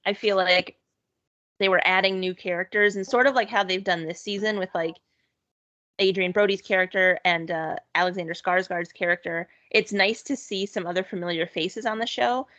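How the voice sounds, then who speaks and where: A woman's voice: mid-range voice, steady tone, normal speed, a bit bright, dry recording. A woman co-hosting a podcast in casual chat, talking loosely with lots of fillers and easy laughter. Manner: chatty, laughs easily, many "sort of" and "like" fillers. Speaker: podcast co-host. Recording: dull, lo-fi podcast audio.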